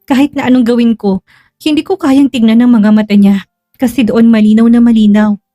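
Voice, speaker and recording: Brief: woman narrator, higher pitched, mellow, slow and hushed emotional telling, dry close sound. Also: steady tone, no echo, faint music behind. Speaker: storyteller. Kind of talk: first-person dramatic story narration.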